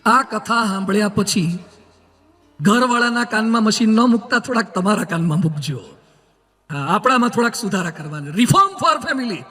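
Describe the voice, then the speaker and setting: High-voiced bright male monk preaching. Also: normal speed, in a large hall, soft background music. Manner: humorous storytelling, emphatic moral points. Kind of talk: sermon.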